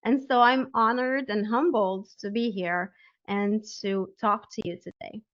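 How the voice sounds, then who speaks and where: A woman with a Romanian accent, speaking as a podcast guest in an earnest, gently emphatic way. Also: medium pitch, steady tone, a little slow. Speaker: guest, spiritual life coach. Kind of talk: casual interview chat. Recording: dull lo-fi audio.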